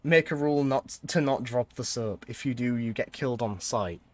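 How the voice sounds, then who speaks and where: A man's voice: mid-range voice, moderate pace. A man casually commentating a building game, thinking aloud and laughing often. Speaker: streamer.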